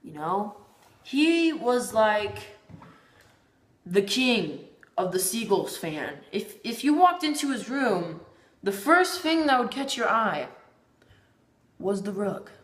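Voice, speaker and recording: A woman talks straight to camera in a loose, rambling vlog, tripping over her words and circling back on them. Her pitch sits in an ordinary middle range. The room around her is bare and echoey. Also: very animated, slow, long pauses. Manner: rambling, stumbles and repeats words. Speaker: vlogger. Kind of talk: casual rambling monologue.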